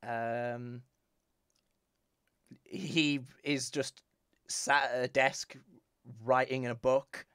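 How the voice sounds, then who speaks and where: A man narrates a tabletop game as its dungeon master. He is relaxed and playful, and his voice sits close to a dry mic. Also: medium pitch, extremely slow, long pauses, clean tone, no echo. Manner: chatty, laughing, playful.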